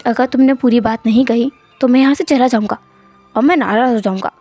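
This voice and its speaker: Lady putting on a calm teen husband, talks slow and steady, pitched a bit lower than her own voice, dry sound. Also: no room sound, faint music behind, natural voice. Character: calm seventeen-year-old husband, gentle alpha.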